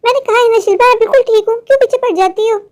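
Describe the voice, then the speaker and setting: Woman voicing a scared high-voiced office man. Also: very fast, a little mellow. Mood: irritable. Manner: anxious, pleading, irritable toward his wife. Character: frightened adult male office worker, tired husband.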